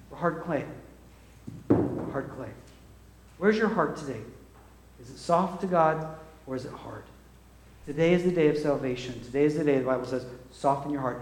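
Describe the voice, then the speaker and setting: A middle-aged man preaching a sermon as a pastor. He tells a lively story full of small acted asides, then leads a quiet, soft-spoken prayer. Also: mid-range voice. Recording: roomy hall with faint ambience.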